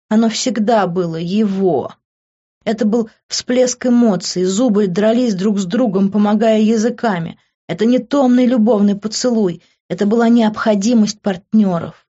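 A woman's voice: medium pitch, warm tone, muffled recording. A woman reading a first-person novel aloud as an audiobook narrator, with emotional, intimate storytelling.

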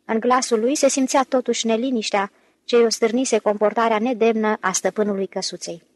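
A woman reading an audiobook in steady, measured narration. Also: fairly high pitch. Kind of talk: scripted narration.

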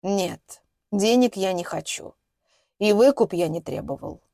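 A woman voicing a calm, quiet retired male hitman who speaks in a low, measured way. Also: gravelly, no echo, studio quality.

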